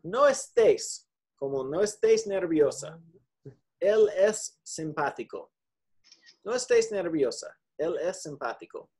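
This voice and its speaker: A male English teacher explains each phrase patiently, repeating it for the class. He talks slowly in a husky voice with a lively, rising and falling pitch. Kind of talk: bilingual language lesson.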